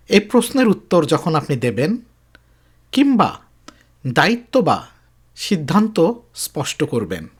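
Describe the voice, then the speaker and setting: A Japanese teacher explains phrases patiently, repeating each example slowly with emphasis. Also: medium pitch, breathy edge. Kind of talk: explanatory language lesson.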